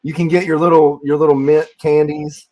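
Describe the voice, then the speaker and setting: A man's voice: fairly high pitch, flat delivery, moderate pace, mellow, no echo, low-quality recording. A man in his late thirties from Georgia, hosting a casual chat in a laid-back, slangy way. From Georgia, USA. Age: 30s. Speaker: host.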